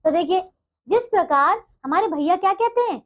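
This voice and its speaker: Woman, very high pitch, schoolteacher, gentle coaxing manner, slow sing-song recitation of verse, dull lo-fi recording. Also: expressive. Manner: sweet, coaxing teacher tone that keeps checking in with the children. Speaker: teacher. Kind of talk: primary school Hindi lesson for children.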